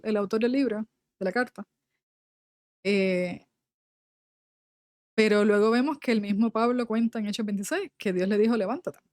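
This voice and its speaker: A woman's voice: a little high, a little mellow, dry recording, studio quality. A young adult woman, leading a Bible study and reading scripture aloud before explaining it in a conversational way. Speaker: Bible teacher.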